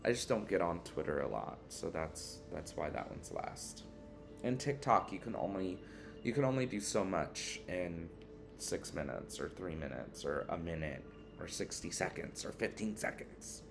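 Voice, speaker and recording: A tired man answering tag questions in a relaxed, rambling casual chat at home, yawning now and then. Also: deep voice, normal speed, creaky, music in the background. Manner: relaxed, rambling, with fillers and restarts. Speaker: witchcraft vlogger answering a tag. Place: one-bedroom apartment.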